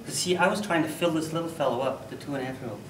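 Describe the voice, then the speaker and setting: Man, speech contest storyteller, animated, fairly high voice, echoey hall, mic from far off. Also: very fast, a little hiss or hum. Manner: animated, loud bursts for sound effects. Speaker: contest speaker.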